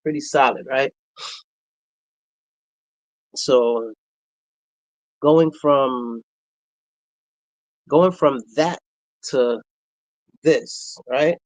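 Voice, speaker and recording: A man, telling a personal story in a reflective, halting way, with many pauses and fillers. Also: medium pitch, a little mellow, dry recording, low-quality recording. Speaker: vlogger.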